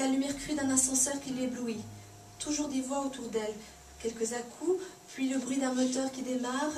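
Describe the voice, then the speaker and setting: A woman author reading her novel aloud at a live café concert, hushed and intense, swelling to drama, with a bowed viola playing alongside. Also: fairly high pitch, slight background noise. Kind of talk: live literary reading with music. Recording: roomy hall, distant mic, live viola.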